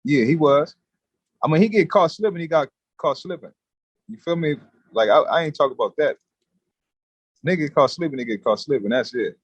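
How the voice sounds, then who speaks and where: A man telling a story as a podcast guest in casual street slang, animated and blunt. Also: fairly high pitch, brisk, long pauses, breathy edge, dry recording, lo-fi sound. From California.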